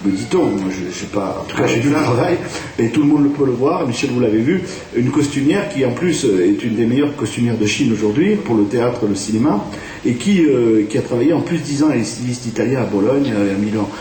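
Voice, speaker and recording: In an echoey, distant recording with faint hiss, a French theatre director speaks animatedly and a little fast, his medium-pitched voice dark in tone. French is his first language, and his radio interview answers are full of fillers and restarts.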